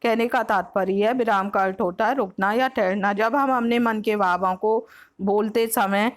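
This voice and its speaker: A woman's voice: medium pitch, normal speed. A woman teacher with a Hindi accent from Uttar Pradesh, explaining grammar for an exam-prep lesson, patiently repeating each point and slipping English words into her Hindi. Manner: mixes English words like next and example into Hindi.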